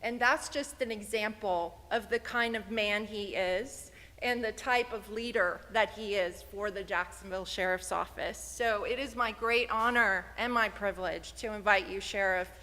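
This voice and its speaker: A woman's voice: medium pitch, normal speed, hardly any pauses, pushed and bright, in a large hall. A woman giving a formal, respectful introduction of a guest speaker at a worship service. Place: synagogue sanctuary.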